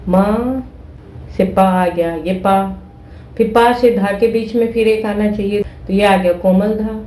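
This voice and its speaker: A woman's voice: mid-range voice, steady tone, a little slow, dark tone. Patient woman teaching flute, echoey room. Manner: patient, repeats steps and checks understanding. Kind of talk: explaining a music lesson.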